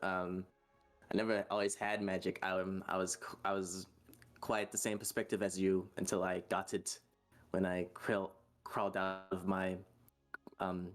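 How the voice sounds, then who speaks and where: A man with a fairly low voice plays his character in a tabletop game, rambling along with plenty of fillers and restarts. Faint music sits under his voice. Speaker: player. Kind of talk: tabletop role-play, casual in-character chat.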